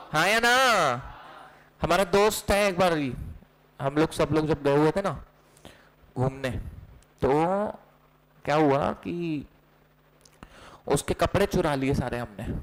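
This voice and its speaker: A man's voice: high voice, rough recording. An Indian male teacher giving a playful online lecture, joking and quizzing his students with repeated lines. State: recently unwell. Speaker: online exam-prep teacher. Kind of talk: energetic classroom lecture.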